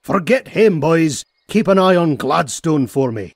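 A cranky old miser duck man, slow scolding delivery, pitch all over, dry close sound. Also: animated, no room sound. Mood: grudging. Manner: gruff, scolding, insulting. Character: cantankerous old rich male cartoon duck, scolding miser. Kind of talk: amateur comic dub acting.

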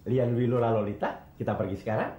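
A woman's voice: a bass voice, steady tone, fast talker, warm tone. A woman playing a bossy employer who orders her servants about in a sitcom. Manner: bossy, exclamatory. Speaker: the boss. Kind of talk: sitcom acting. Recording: roomy set with crowd noise.

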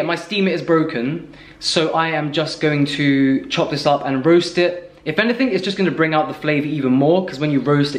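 A British man in his thirties rambles cheerfully to a handheld camera, joking at his own expense while he potters around his kitchen. His voice sits at an everyday middle pitch. The room gives his voice a noticeable echo. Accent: British English. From United Kingdom. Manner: rambling, self-mocking, talks straight to camera. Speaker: vlogger. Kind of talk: casual chatty vlog. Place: home kitchen and living room sofa, indoors. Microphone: handheld camera at arm's length. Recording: echoey room.

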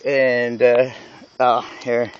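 A man vlogging playfully while driving a golf cart outdoors, goofy and excitable, with whoops and laughs. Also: mid-range voice, very slow. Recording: dull lo-fi sound with cart noise.

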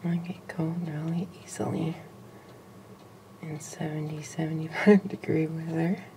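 A young woman filming a pet lizard, often whispering gently and giggling as she coaxes it. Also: low-pitched, level tone, measured pace, slight background noise. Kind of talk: casual home video narration.

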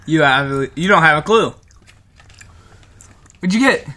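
A man's voice: fairly high pitch, animated, measured pace, sharp tone. A teenage boy chatting casually and bossily laying down the rules on a homemade challenge video. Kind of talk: casual chat during a candy challenge video. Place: wooden-floored room at home, indoors. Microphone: handheld phone or camera. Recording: noisy handheld home phone recording with clicks.

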